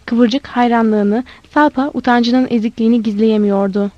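A woman narrating a story in a measured, expressive reading. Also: a little high, no room sound, muffled recording.

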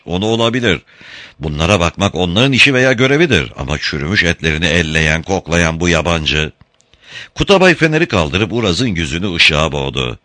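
A man narrating a novel in an expressive storytelling manner. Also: low-pitched, no room sound, clean studio sound. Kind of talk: audiobook narration.

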